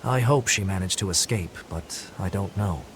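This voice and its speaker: Game townsman played by a man: earnest, lowish voice, conversational storyteller, slight background noise. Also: normal speed, close to an everyday voice. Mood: somber, matter-of-fact. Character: earnest male townsman recounting grim local news. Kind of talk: video game voice acting.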